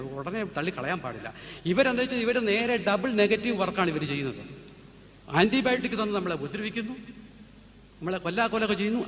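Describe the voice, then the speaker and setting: A man with a slightly high voice lectures at a rapid clip, firing off rhetorical questions as he explains his points. His voice rings around a large hall with a long reverb tail. The recording is dull and lo-fi, with a faint hiss underneath. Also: fairly bright tone. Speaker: naturopathy speaker answering audience questions. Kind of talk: public talk.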